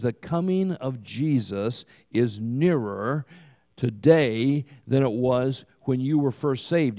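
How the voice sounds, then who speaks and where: A man in his sixties preaching a sermon as pastor, with slow, emphatic delivery that swells to loud peaks, recorded in a church sanctuary. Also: mid-range voice. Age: 60s. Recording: long hall reverb.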